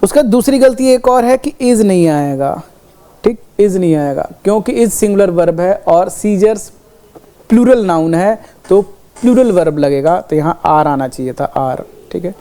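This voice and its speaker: A woman teaching English grammar in a classroom lesson. She explains with everyday examples, checks in with "okay" again and again, and slows right down to spell out the English example sentences. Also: medium pitch, lively intonation, dark tone. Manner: explains with everyday examples, repeats "ठीक है" often.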